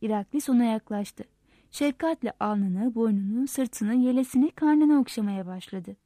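A woman narrating a novel aloud in a steady, measured storytelling manner. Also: a little high, no echo. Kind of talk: audiobook narration.

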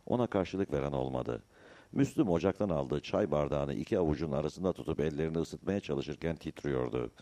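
Deep-voiced male audiobook narrator. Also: lively intonation, dark tone. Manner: measured, storytelling delivery. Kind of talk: scripted novel narration.

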